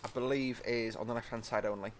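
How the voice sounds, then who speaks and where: A little hiss or hum accompanies a steady, medium-pitched male voice moving at a quick pace. The young British gaming host gives casual train-sim let's-play commentary, rambling and chatty with apologetic asides.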